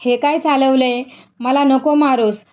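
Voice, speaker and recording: A woman's voice: high voice, fairly even intonation, measured pace, narrow, tinny audio. A woman voicing a young male devotee, emotional and tearful, pleading and asking questions.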